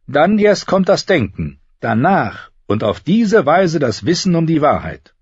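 Guy doing a proud old sword teacher, calm and measured, husky, voice raised higher than his own. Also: no echo, heavily acted. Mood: calm teaching. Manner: measured, instructive cadence. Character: proud old male fencing master, calm and wise. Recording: dull lo-fi recording.

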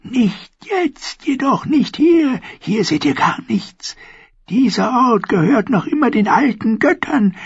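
A woman voicing a tiny, half-mad old female seer who speaks in slow, quavering prophecies. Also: sing-song, husky, dry recording, muffled recording, full character voice. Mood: cryptic. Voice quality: shrill, quavering. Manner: drawn-out, prophetic chanting.

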